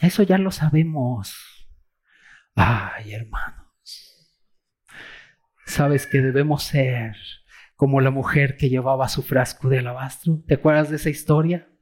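A man preaching a sermon as pastor, reading scripture slowly and rising to raised, emphatic cries. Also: mid-range voice, a little mellow.

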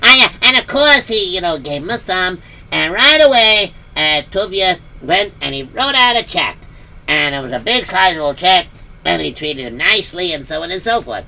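A man's voice: high-pitched, expressive, normal speed, creaky, pushed and bright. Rambling casual storyteller man. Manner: rambling, casual, filler-heavy. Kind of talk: improvised storytelling narration.

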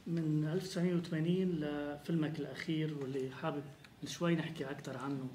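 A man's voice: a little high, steady tone, fast talker, dark tone. A man with a Levantine Arabic accent working as an interviewer, repeating words as he frames questions about film. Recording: echoey room with faint noise.

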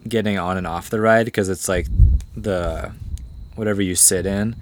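A man talking casually on a podcast, relaxed and trailing off with lots of fillers. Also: deep voice, normal speed, slight background noise. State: groggy from cold medicine. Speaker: podcast guest. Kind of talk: casual chat.

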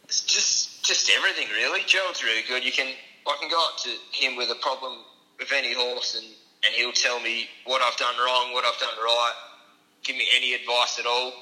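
A man's voice: mid-range voice, steady tone, a little fast, sharp tone, rough recording. An Australian man giving casual, understated interview answers as a racehorse strapper, in an informal, laid-back way.

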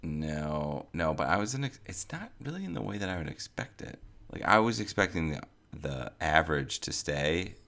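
A man co-hosting a fantasy baseball podcast in casual chat, dry and deadpan, rattling off stats. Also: extremely low pitch, normal speed, vocal fry, hardly any pauses.

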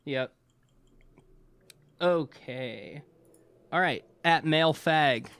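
A man's voice: on the high side, drawn-out words, a bit bright, clear, resonant tone. A man hosting a casual sports podcast, talking bluntly and sarcastically and swearing freely. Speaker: podcast host.

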